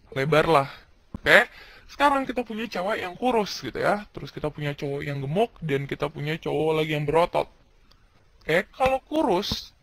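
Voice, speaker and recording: High-voiced chatty male teacher. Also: a bit bright. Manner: chatty, slangy, asks and answers own questions. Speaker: English teacher. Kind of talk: casual video lesson.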